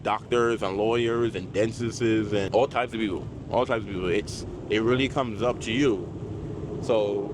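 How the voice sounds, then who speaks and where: A man with a fairly low voice speaks casually to viewers, like a salesman sharing advice. He is conversational and repeats his points for emphasis. There is faint outdoor noise of machinery and vehicles behind him. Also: steady tone, moderate pace. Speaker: car salesman vlogger. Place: outdoors at a car dealership. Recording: noisy outdoor lot, vehicle and dryer noise. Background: loud dryer and passing cars.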